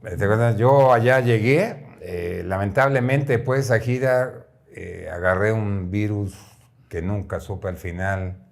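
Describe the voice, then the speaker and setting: A man in his sixties from Chile with a fairly deep voice. He tells his story in a relaxed, reflective way, pausing on fillers as he goes. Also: vocal fry. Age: 60s. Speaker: guest, former footballer. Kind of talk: casual interview storytelling.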